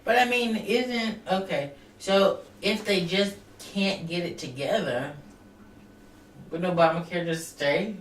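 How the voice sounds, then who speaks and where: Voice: medium pitch, far from the mic, slight background noise. Hesitant co-host, off-mic in an echoey room. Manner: hesitant, confused questions, quick interjections. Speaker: podcast co-host. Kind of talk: casual chat.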